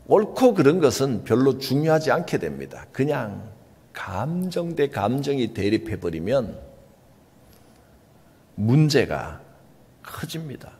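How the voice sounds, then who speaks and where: Gyeongsang-accented pastor, husky, hall reverb. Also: male voice, mid-range voice. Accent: Gyeongsang Korean. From Gyeongsang region, Korea. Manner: earnest, emphatic, with soft asides. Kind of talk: sermon.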